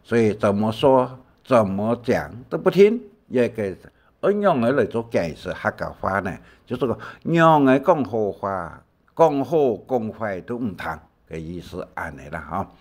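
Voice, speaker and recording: An older man giving a slow language lesson, drawing out his explanations with many fillers. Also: lowish voice, big pitch swings, darkish tone. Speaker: teacher.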